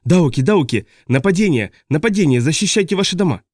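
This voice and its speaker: A man's voice: medium pitch, expressive, fairly quick, dark tone, slightly rough, no room sound, studio quality. A man reading an audiobook, voicing a frantic young woman pleading for help. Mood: alarmed. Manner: urgent, pleading.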